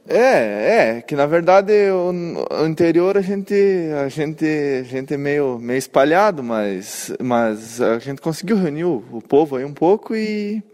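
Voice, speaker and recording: A man's voice: a little high, expressive, measured pace, hardly any pauses, darkish tone, big-room sound. A young man, an agricultural technician, answering interview questions hesitantly and stumbling over repeated words. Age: young adult.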